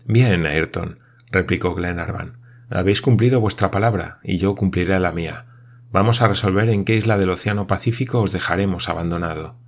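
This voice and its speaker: A man voicing a commanding male nobleman in an audiobook, measured and authoritative. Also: sits low. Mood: stern.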